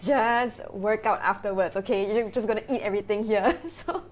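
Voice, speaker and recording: A woman's voice: medium pitch, moderate pace, poor audio. Chatty woman from Singapore. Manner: chatty, uses many fillers and tag questions. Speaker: guest, copywriting founder. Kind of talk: casual interview talk.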